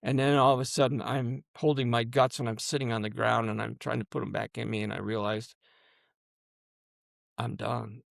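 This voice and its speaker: A man in his seventies, a guest in an interview, recounting personal stories in a halting way that sinks to a near-murmur at grim moments. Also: medium pitch, flat delivery, gravelly, no room sound, studio quality. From United States. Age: 70s. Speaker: guest, combat veteran.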